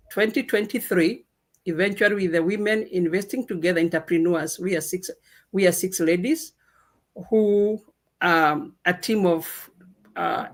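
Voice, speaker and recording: A woman from Kenya speaking on a radio panel, telling her story slowly with many hesitations. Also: on the low side. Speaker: guest speaker. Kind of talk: casual panel talk.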